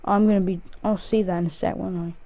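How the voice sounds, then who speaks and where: A male gaming host with a high-pitched, mellow voice talks quickly and with fairly even intonation. His gameplay commentary is casual and rambling, and he counts aloud and pokes fun at himself as he plays.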